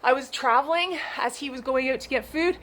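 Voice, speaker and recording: A woman's voice: sits high, brisk, fairly bright tone, slight background noise. A woman dog trainer explaining a game outdoors in a chatty, reassuring, unscripted way. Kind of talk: casual instructional talk.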